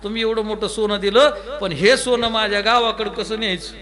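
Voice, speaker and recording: A man's voice: sits high, steady tone, a little fast, music in the background, natural voice. A male preacher playing a greedy male devotee who pleads and whines for gold. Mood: whining. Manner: whining and insistent. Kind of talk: acted quotes within a sermon.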